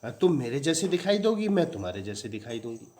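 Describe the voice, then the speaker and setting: A male teacher voicing a bold, domineering middle-aged woman who smokes, speaking forcefully and insistently. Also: medium pitch, big pitch swings, a little fast, close to an everyday voice. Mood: persuasive.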